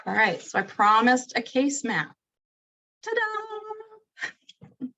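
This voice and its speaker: A woman's voice: fairly high pitch, moderate pace, vocal fry, pushed and bright, dull audio. A woman presenting a webinar, methodically defining legal terms one after another. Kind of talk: webinar lesson.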